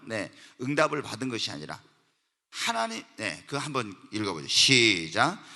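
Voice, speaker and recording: A pastor preaching a sermon to his congregation. He asks the congregation questions and answers them himself, moving from quiet asides to loud, emotional appeals. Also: mid-range voice. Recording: church hall reverb.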